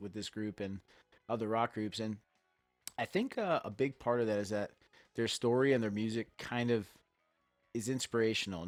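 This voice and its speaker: A man's voice: lowish voice, no room sound. A man hosting a casual music chat podcast, easygoing and rambling with fillers. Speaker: podcast host.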